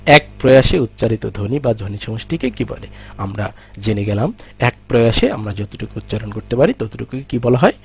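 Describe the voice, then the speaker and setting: A man's voice: mid-range voice, animated, fairly quick, vocal fry, breathy edge. A man teaching an exam-prep grammar lesson with a Bangladeshi Bengali accent, asking questions and answering them himself.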